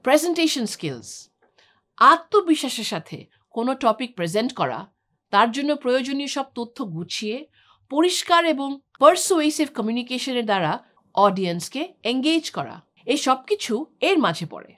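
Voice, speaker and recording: A woman's voice: high voice, very animated, normal speed, a bit bright. A woman, an English trainer, giving a scripted lesson and taking points one at a time. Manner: clear, explanatory, lists points one by one. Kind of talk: scripted instructional talk.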